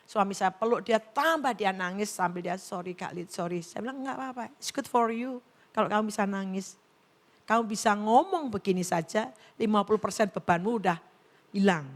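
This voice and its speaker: A middle-aged woman pastor preaching at a women's church service, telling stories and quoting people in lively voices. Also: mid-range voice, normal speed. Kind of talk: sermon.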